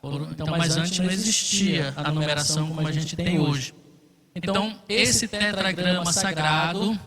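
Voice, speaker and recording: A man's voice: a little high, moderate pace, a bit bright, in a large hall. A man teaching a Bible study class, explaining patiently and checking in often with his listeners. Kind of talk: classroom lecture.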